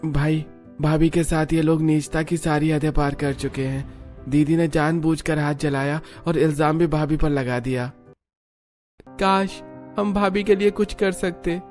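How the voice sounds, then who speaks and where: Guy doing earnest young devar, fired up, soft music behind. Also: a little high, close to an everyday voice. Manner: earnest, indignant. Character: young brother-in-law, earnest, protective.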